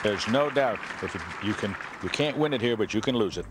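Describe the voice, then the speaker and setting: A man's voice: lowish voice, animated, brisk, loud music behind the voice. A man giving conversational golf analysis during live tournament commentary. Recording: very noisy crowd-filled outdoor feed. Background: loud crowd and outdoor noise.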